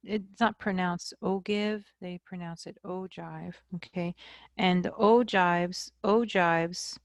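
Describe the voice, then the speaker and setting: Slow, lower-voiced woman teaching math. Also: steady tone, dry recording, clean studio sound. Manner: slow, explanatory, frequent "okay?" checks. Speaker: math instructor. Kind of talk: recorded lecture.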